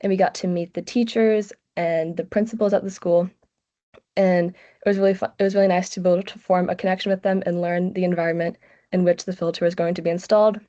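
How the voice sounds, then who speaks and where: Dark-toned and lowish, this sixteen-year-old American girl's voice moves quickly with little pitch change as she gives a casual online student presentation. "Like" crops up constantly, and the video call recording is muffled and lo-fi.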